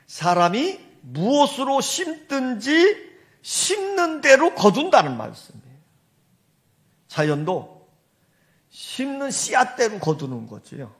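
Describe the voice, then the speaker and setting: High, animated woman preaching. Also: slow pace, long pauses. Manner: storytelling, addresses congregation, leads call-and-response. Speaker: senior pastor. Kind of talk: sermon.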